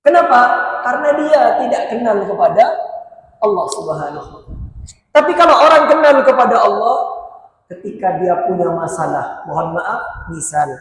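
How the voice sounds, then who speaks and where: A man's voice: sits high, big pitch swings, moderate pace, vocal fry, a bit bright. A male preacher gives a sermon, asking his listeners questions and answering them himself. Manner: asks the crowd rhetorical questions and answers them. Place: large mosque hall. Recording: very echoey hall with long reverb, faint noise.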